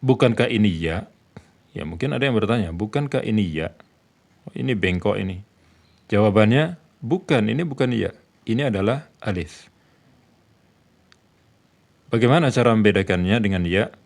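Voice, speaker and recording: A man's voice: on the low side, expressive, moderate pace, creaky, pauses often, darkish tone. A man teaching a tajwid lesson, patiently repeating each point and posing and answering his own questions. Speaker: Quran recitation teacher.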